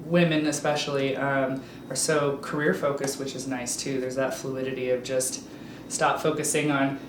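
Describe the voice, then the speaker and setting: This woman, in her thirties and from Alaska, is a guest in a candid, casual interview where she often says um and restarts. Her voice rumbles low with a flat delivery at a moderate pace. There's background noise, a roomy echo, and faint ambience.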